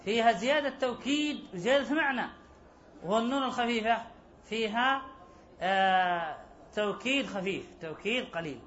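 A man teaches an Arabic grammar lesson, repeating key phrases and posing rhetorical questions to his class. His voice is high-pitched, animated, and a bit bright, at a normal speed. The lo-fi recording sounds dull, with slight background noise.

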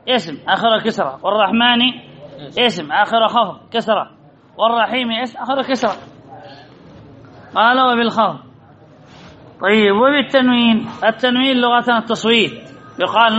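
High-pitched guy teaching a grammar class, keeps repeating stuff and answering his own questions, kinda muffled lo-fi audio. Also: pushed and bright. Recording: dull lo-fi recording.

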